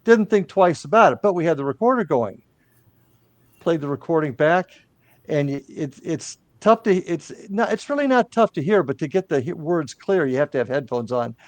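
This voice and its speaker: A man tells his ghost-hunting stories in a loose, animated podcast chat, tripping over his words as he goes. His voice sits a little high. The sound is dry and close, with no room around it. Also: normal speed, dry recording. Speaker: paranormal investigation team leader. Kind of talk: casual podcast storytelling.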